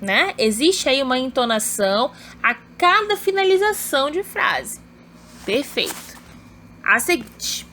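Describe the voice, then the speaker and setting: A woman's voice: high voice, big pitch swings, unhurried, bright, forceful tone, a little hiss or hum. A woman teaching an online grammar lesson, explaining step by step and often checking in with her students.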